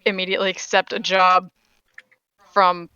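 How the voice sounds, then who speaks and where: Animated, laughing woman tabletop player. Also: on the low side, moderate pace, clear, resonant tone, no echo, dull audio. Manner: animated, laughing, talks in asides. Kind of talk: casual tabletop role-play chat.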